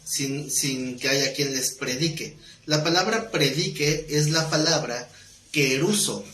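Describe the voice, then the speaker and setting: Man teaching a Bible class, higher voice. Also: takes it slowly, a bit bright. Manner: explanatory, reads scripture aloud, asks the class questions. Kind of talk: exegetical Bible study class. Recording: roomy echo with faint noise.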